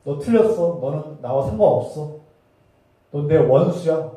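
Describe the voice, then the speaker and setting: A stern grown man's voice of Jesus, rebuking sharply, pitched up and pushed loud, as a male preacher acts him out. The sound is dark and muffled. It echoes heavily through a church hall, heard from a distance. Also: animated, unhurried. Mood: stern rebuke. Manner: stern, accusing, raised and forceful.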